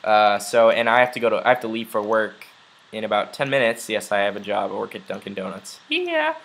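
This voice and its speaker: Low-voiced young man, rambling gamer chat. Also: very animated, fairly quick, gravelly, fairly bright tone, a little hiss or hum, rough recording. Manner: rambling, chatty, many fillers. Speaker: let's play gamer. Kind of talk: casual gameplay commentary.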